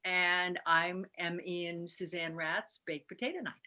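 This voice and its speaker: A woman from Texas, an actress, introducing herself in a soft, musing way that trails off. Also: fairly low pitch, steady tone, measured pace. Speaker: nominated actress. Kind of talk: self-introduction.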